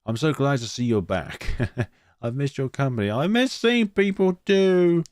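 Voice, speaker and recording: A man's voice: medium pitch, lively intonation, unhurried, clean tone, no echo, clean studio sound. A man streaming a game, mixing commentary with theatrical read-aloud of the text.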